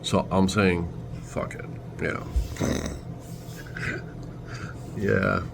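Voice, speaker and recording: A young Turkish vlogger tells a casual story to the camera in a deep, low, creaky voice with a Turkish accent. His speech is halting, full of restarts and self-corrections as he hunts for words, over a steady noisy ambience.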